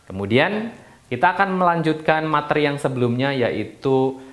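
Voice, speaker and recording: Chatty yoga teacher in an echoey room. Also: male voice, a little high, animated, normal speed. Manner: chatty, frequent fillers and restarts, self-deprecating asides. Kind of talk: casual explanatory talk.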